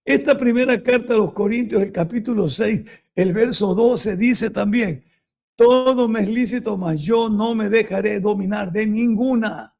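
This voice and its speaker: A man's voice: high-pitched, measured pace, creaky, a little mellow. A man preaching a Bible teaching, emphatic and full of rhetorical questions to his listeners. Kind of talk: sermon-style Bible teaching.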